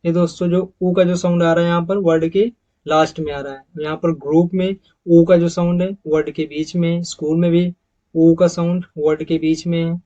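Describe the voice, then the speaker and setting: A man teaching English pronunciation over slides, repeating each example word slowly and calling his viewers friends. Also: fairly high pitch, level tone, mellow, dull audio. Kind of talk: slide-based pronunciation lesson.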